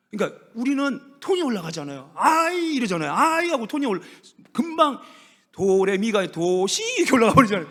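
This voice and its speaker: A male pastor delivering a sermon in an animated, humorous way. His voice sits high and swoops widely in pitch as he acts out little exchanges. The sound carries a long reverb from the church hall. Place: church sanctuary.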